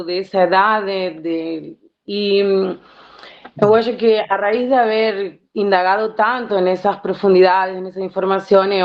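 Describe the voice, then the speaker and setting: Brazilian woman mixing Spanish and Portuguese, dull audio. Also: mid-range voice. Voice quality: Spanish mixed with Portuguese words. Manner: reflective, earnest, searching for words. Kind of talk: personal sharing in a group call.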